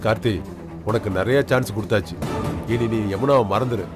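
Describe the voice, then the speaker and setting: A man's voice: fairly low pitch, brisk, close to an everyday voice. An actor playing a stern father who orders his son to give up a woman. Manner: stern, commanding. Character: stern older father laying down the law. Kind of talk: TV serial acting. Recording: under loud dramatic music.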